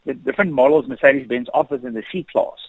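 A man with a croaky morning voice, chatting easygoing as a motoring guest on a radio interview, full of fillers. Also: mid-range voice, fast talker, dry recording, muffled recording. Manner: easygoing, rambling, frequent fillers. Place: at home on a couch.

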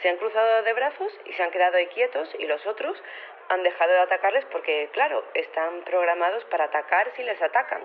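Heard through a tinny, telephone-filtered line with clear background noise, a woman plays an unflappable robotics professor being interviewed in an audio drama. Her lowish voice is brisk, with lively intonation, and she rambles in a colloquial, understated, matter-of-fact, casual way.

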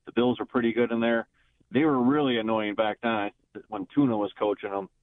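A man's voice: mid-range voice, fairly even intonation, fairly quick, dry recording. A man from Buffalo calling in over the phone to a radio show, chatty and rambling as he cheerfully trash-talks. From Buffalo, New York. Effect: heard over the phone. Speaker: radio call-in caller. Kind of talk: casual sports talk call. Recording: tinny phone line on radio.

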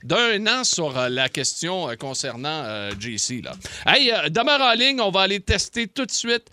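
A man with a Quebec French accent hosts a radio quiz in a playful, joking way. His voice is bright and ringing. His pitch rises and falls a lot as he teases the guests. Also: sing-song, moderate pace. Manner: jokey, laughs often, lots of euh fillers. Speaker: radio show host.

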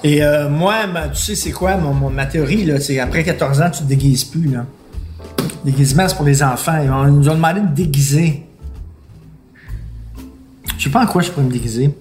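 A man's voice: a little high, fairly quick, pauses often, a little mellow. Man, Quebec French accent, co-host, ironic, roomy echo, faint music. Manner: playful, ironic. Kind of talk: casual comic chat.

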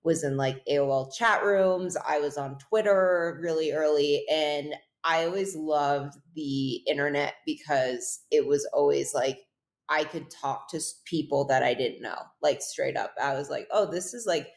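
Low-voiced woman chatting easily. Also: measured pace. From Hawaii. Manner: relaxed, rambling, heavy use of "like". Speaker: guest, pro surfer. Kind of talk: casual interview chat.

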